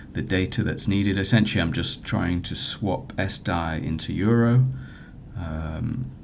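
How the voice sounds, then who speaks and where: This recording, marked by clear background noise and a low rumble, captures a man giving a casual demo of his own hackathon software. He stumbles frequently, his delivery hesitant and halting.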